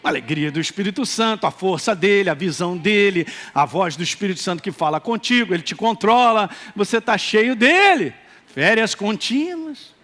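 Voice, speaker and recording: A male pastor with a Minas Gerais accent preaching a lively sermon and acting out quoted voices. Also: high-pitched, moderate pace. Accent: Minas Gerais Brazilian Portuguese. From Minas Gerais, Brazil. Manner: animated, acts out quoted voices, calls for responses.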